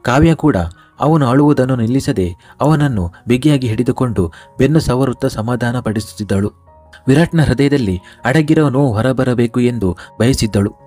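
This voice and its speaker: Male storyteller, mid-pitched, even scripted narration, soft music underneath.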